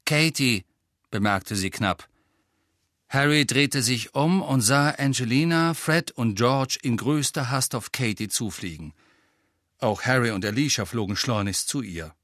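A man's voice: mid-range voice, a little slow, dry recording. Man reading an audiobook in a dry close sound. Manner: lively, expressive reading. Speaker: audiobook narrator. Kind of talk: scripted narration.

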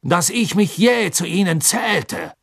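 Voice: medium pitch, lively intonation, takes it slowly, gravelly, no echo, clean studio sound, pitched above the performer's own voice, heavily acted. An audiobook reader voicing a cowardly male former follower who speaks hastily and breathlessly, stammering as he pleads. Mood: pleading. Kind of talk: audiobook character voice.

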